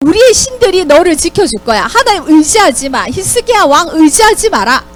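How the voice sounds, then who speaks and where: A woman's voice: very high-pitched, very animated, moderate pace, a little hiss or hum. A woman voicing an arrogant enemy official who taunts a besieged people with boastful threats. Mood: taunting.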